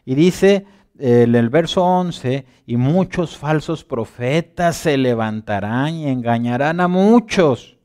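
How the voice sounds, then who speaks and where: Preacher, loud then hushed. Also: male voice, mid-range voice, slow. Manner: conversational, asks listeners for agreement; swings between loud emphasis and quiet asides. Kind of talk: sermon.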